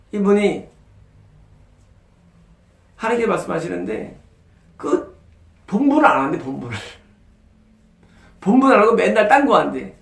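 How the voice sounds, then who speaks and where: High, animated gravelly preacher man. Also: reverberant. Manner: emphatic preaching with rhetorical questions. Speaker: pastor. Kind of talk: sermon. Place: church sanctuary.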